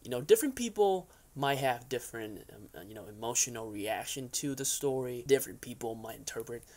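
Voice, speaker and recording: Sitting indoors in a furnished basement, a young man hosts a conversational YouTube opinion vlog, wandering between points and checking in with frequent "right?" and "you know" tags. He speaks a little fast in an expressive, medium-pitched voice with a darkish tone.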